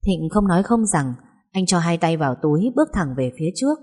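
A woman narrating a first-person story audiobook with a steady, expressive reading. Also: on the low side, brisk, slightly rough.

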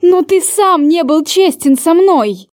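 A woman's voice: very high-pitched, animated, slow pace, darkish tone, dry recording, clean studio sound, pitched above the performer's own voice, exaggerated voice. A woman voicing a hurt young woman who pleads in a trembling, raised voice. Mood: pleading.

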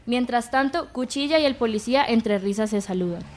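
A woman narrating an audio story in a measured, dramatic reading style. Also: fairly high pitch, darkish tone.

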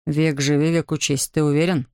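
A woman's voice: deep voice, level tone, moderate pace, a little mellow, clean tone, no echo, clean studio sound, voice pushed down. A woman voicing a stern, bewildered grown man who speaks curtly in an audiobook. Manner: curt, stern. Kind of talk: audiobook narration.

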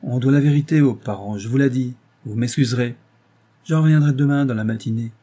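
A narrator playing a brusque, honest country doctor who speaks plainly and bluntly. The voice is mellow and a little husky. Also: male voice, mid-range voice, steady tone, normal speed, close to an everyday voice. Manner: blunt, matter-of-fact.

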